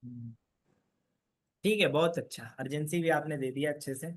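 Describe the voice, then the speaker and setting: A man's voice: fairly high pitch, moderate pace. A man leading an online sales coaching session, prompting and encouraging his students. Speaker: sales trainer.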